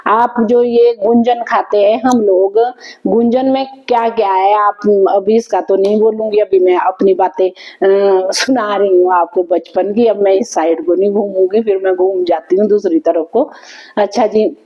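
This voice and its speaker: A woman vlogger, reminiscing to camera in an unhurried, reflective way with many thinking pauses. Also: mid-range voice, fairly even intonation, muffled recording. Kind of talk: casual reminiscing talk to camera.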